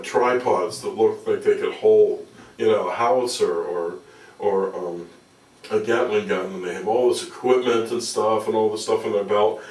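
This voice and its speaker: A man's voice: on the low side, a little mellow. Older man, roomy sound, telling stories casually. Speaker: activist and journalist, interview guest. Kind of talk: casual interview storytelling. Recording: echoey room, distant from microphone.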